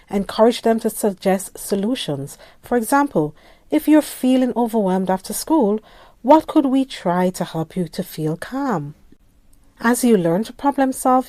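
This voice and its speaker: A woman reading scripted parenting tips in a calm, measured, gentle way. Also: mid-range voice, no echo. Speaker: parenting educator. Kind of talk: scripted advice narration.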